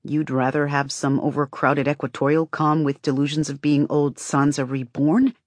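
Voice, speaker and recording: A woman's voice: low-pitched, level tone, normal speed, no echo. A woman voicing a long-suffering, plain-spoken woman leader in audiobook dialogue, exasperated and candidly scolding.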